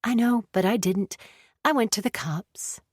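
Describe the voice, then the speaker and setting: A woman's voice: fairly high pitch, measured pace, dry recording, studio quality, voice pushed up. A woman narrator voicing a guarded, secretive young woman who gives short, evasive answers in an audiobook. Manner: terse, evasive replies.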